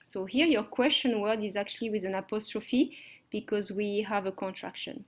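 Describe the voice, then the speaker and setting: A woman's voice: mid-range voice, fairly even intonation, moderate pace. A woman teaching a language lesson from slides, explaining step by step and checking understanding with "okay?". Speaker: French teacher.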